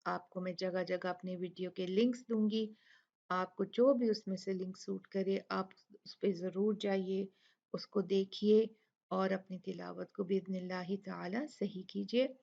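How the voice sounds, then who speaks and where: A woman's voice: mid-range voice, steady tone, unhurried, gravelly, dark tone, dull audio. A woman teaching recitation rules in a patient lesson, explaining each rule and stretching out the syllables she demonstrates.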